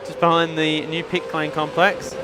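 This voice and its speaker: Guy doing live race commentary, fairly high voice, chatty play-by-play, loud motor noise behind him. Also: flat delivery, moderate pace.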